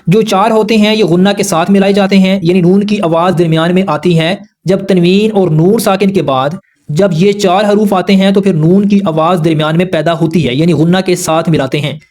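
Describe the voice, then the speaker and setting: High-voiced man patiently teaching recitation. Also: darkish tone. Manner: patient, explanatory, repeats rules slowly and simply. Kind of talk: Tajweed lesson explaining rules.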